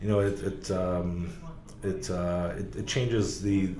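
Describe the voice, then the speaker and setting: Slow and low-pitched, his dark voice barely shifts in pitch as he chats on a podcast about his life in car sales. He meanders through the casual interview, often restarting and filling pauses. Echo and faint background noise color the recording.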